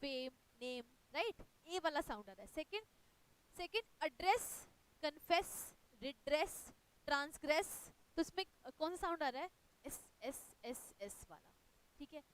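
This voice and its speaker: A woman's voice: high voice, lively intonation, unhurried, rough recording. A woman with an Indian accent teaching an online exam-prep lecture, explaining patiently in mixed Hindi and English and checking in with "right?".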